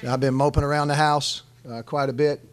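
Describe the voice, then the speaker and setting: Answering reporters while seated in a press conference room, a middle-aged head basketball coach talks into a stand-mounted desk microphone. His slightly high voice is clear and resonant, with little pitch movement and a somewhat fast pace, and he keeps restarting and repeating phrases for emphasis.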